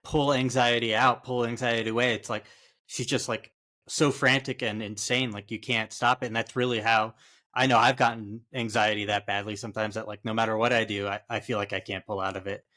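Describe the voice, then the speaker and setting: A man's voice: on the low side, flat delivery, a little fast, pushed and bright. A middle-aged man co-hosting a podcast, recapping a film in a rambling way full of likes. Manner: laughs often, rambling with many likes. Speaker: podcast co-host. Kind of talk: casual podcast chat.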